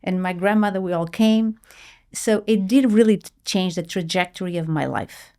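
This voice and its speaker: A woman's voice: on the low side, moderate pace, warm tone. A middle-aged woman from Portugal, telling her life story earnestly in an interview, with hesitant restarts. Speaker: guest, marketing executive.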